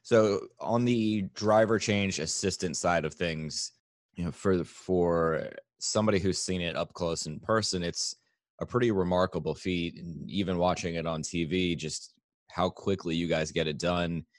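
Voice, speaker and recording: Deep-voiced male podcast host. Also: a little slow, dry recording, clean studio sound. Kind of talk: casual interview hosting.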